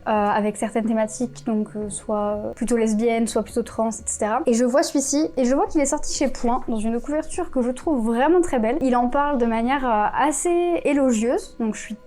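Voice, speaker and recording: A woman's voice: on the high side, brisk, hardly any pauses, dark tone. A young woman from France with a French accent, chatting casually about books, with many fillers and self-corrections. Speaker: book youtuber. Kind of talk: casual chat.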